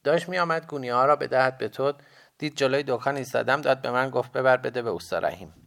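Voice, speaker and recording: Male reader as poor ten-year-old errand boy, raised pitch, earnest. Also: gravelly, a bit bright. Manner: plain, earnest answers.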